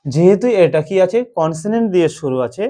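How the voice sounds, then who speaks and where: A man teaching English pronunciation in a slow lesson, with a Bengali accent, repeating himself and asking and answering his own questions. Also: high-pitched, expressive, dark tone.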